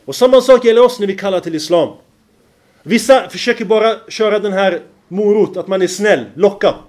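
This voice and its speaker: A man giving a religious lecture, often pausing to check that his listeners follow and reciting Arabic verses in a chanting lilt. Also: high voice, darkish tone. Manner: keeps checking the listeners follow, with rhetorical questions. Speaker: preacher.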